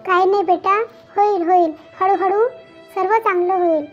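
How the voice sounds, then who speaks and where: A woman voicing an aging widowed mother in a cartoon, gentle and comforting. She talks in a soothing, motherly way. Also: very high voice, fairly even intonation, normal speed. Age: older. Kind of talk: Marathi cartoon voice acting. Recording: dull lo-fi with faint background music.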